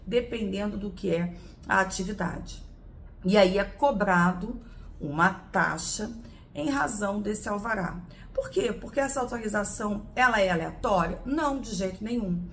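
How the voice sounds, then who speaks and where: A woman's voice: mid-range voice, vocal fry, a little hiss or hum. A woman from Brazil teaching a lesson, explaining step by step and answering her own questions. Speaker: law teacher.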